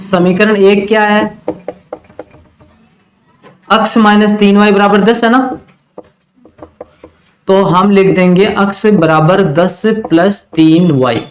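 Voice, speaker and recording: A man with a Hindi accent teaching a math lesson at the board, asking the class questions and then answering them himself, and slowing down to dictate equations. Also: sits high, fairly even intonation, a little hiss or hum. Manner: slows down while dictating equations.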